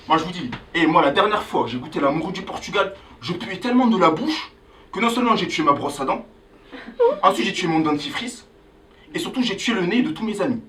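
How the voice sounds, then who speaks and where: A young man from Angola doing a stand-up comedy set on a club stage, loudly hyping the crowd between jokes. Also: high-pitched, far from the mic, slight background noise, low-quality recording. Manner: animated, hyping the crowd with loud calls. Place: comedy club stage before a live audience.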